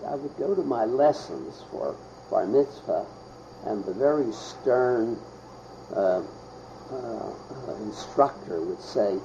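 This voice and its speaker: An older man from Pittsburgh reminiscing in an interview, halting and searching for words with many pauses. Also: medium pitch, creaky, a little hiss or hum. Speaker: oral history interviewee. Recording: muffled, with loud crickets behind.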